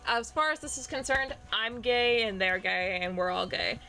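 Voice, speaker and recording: A woman's voice: a little high, moderate pace, creaky, pushed and bright, faint music behind, poor audio. A woman streaming a visual novel, chatting casually, rambling and swearing. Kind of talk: casual game commentary.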